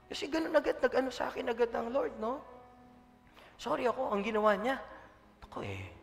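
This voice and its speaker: A man's voice: very high-pitched, brisk, vocal fry, big-room sound, faint music behind. A man preaching a sermon as a pastor. He preaches with energy, mixes in English, and keeps asking the congregation "Amen?". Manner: lively preaching, mixing in English, often asking the room "Amen?".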